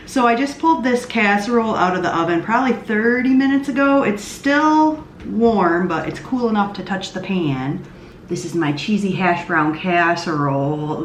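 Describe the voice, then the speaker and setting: A woman's voice: fairly low pitch, echoey room, a little hiss or hum. A woman chatting casually about her meals in a food vlog, often laughing. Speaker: vlogger.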